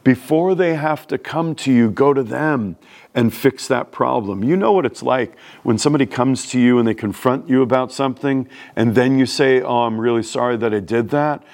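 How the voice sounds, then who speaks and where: A pastor from New York City preaches a sermon with a New York accent, his medium-pitched voice a little mellow at a moderate pace. His delivery is plain-spoken and conversational.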